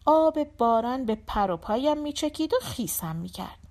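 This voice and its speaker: A woman narrating a short story as an audiobook, acting out the characters' lines expressively. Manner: expressive, voices characters with raised pitch. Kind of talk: storybook narration with acted dialogue.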